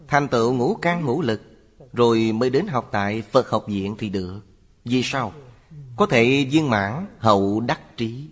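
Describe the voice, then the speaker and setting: A man giving a Buddhist sermon in a measured, lecturing cadence. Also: medium pitch. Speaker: Buddhist teacher. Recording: long hall reverb.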